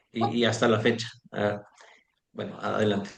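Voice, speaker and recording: A man's voice: on the low side, expressive, takes it slowly, creaky, a bit bright, slight background noise. A man moderating an online book presentation over a video call, reading out audience questions and then chatting informally.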